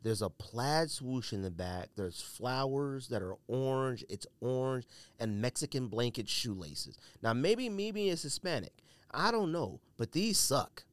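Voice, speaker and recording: An animated man with a mid-range voice speaks a little slowly; the recording is dry. He hosts a casual podcast full of blunt, opinionated remarks that he repeats for emphasis, and he's under the weather, coughing and sneezing.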